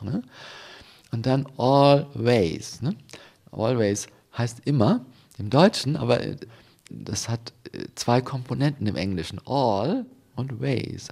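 This man, a guest being interviewed and a spiritual devotee, has a medium-pitched voice with vocal fry and a slightly mellow quality. He offers an informal spiritual reflection, laying things out step by step and often seeking agreement through little tag questions.

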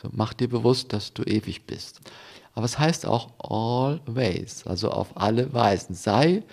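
Speaking at a measured pace in a medium-pitched, slightly mellow voice, the man is a spiritual devotee appearing as an interview guest. His reflection is informal and explained step by step, punctuated by frequent tag questions inviting agreement.

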